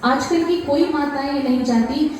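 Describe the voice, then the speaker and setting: High-voiced woman preaching a katha. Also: normal speed, darkish tone, slight background noise. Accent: North Indian Hindi. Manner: impassioned, rhetorical questions. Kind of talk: devotional sermon. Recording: echoey PA sound from far off.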